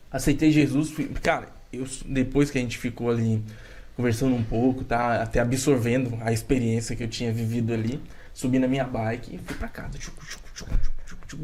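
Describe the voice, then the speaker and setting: A man's voice: mid-range voice, darkish tone, a little hiss or hum. A man, a podcast guest telling his faith testimony in an earnest, emotional, casual way. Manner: earnest and emotional, with frequent "cara" and restarts.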